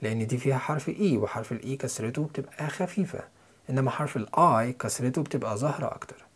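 A man's voice: mid-range voice, very fast, husky. A man with an Egyptian Arabic accent, explaining English pronunciation step by step as a listening-course teacher.

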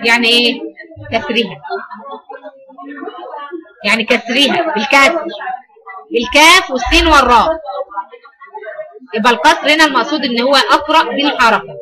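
High-voiced Egyptian woman teaching a class. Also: fairly quick, long pauses, crowd noise, low-quality recording. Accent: Egyptian Arabic. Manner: asks students questions and repeats their answers. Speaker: Quran recitation teacher. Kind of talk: lecture on recitation variants.

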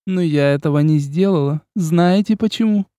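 A man's voice: fairly high pitch, moderate pace, dark tone, clean tone, no room sound, studio quality, voice pushed up, lightly acted. A man voicing a small, playful female vampire countess who mocks and teases in a sarcastic, flirtatious way. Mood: mocking, playful. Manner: teasing, sarcastic, coquettish.

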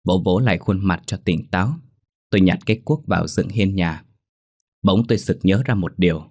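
Deep-voiced male horror storyteller. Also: normal speed, a little mellow, breathy edge. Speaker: narrator. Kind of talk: first-person horror story narration. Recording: faint background music.

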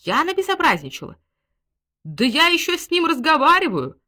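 Brash, domineering young woman in a storybook, put on by a woman reader; loud, bossy, swings widely in pitch. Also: very animated, normal speed. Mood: angry, defiant.

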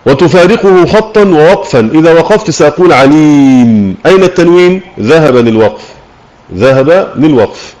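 Slow, repetitive man teaching Tajweed. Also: on the high side, animated, darkish tone, low-quality recording. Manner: slow, repeats key words, asks and answers own questions. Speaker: Quran recitation teacher. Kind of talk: religious lesson on Tajweed rules. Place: online voice chat room.

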